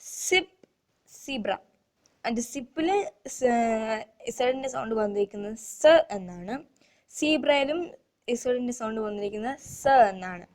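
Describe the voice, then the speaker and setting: A young woman with a fairly high voice, teaching a phonics lesson for children. She talks slowly and patiently, repeats each point, and asks simple questions before answering them herself. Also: expressive. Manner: slow, repetitive, asks and answers her own questions.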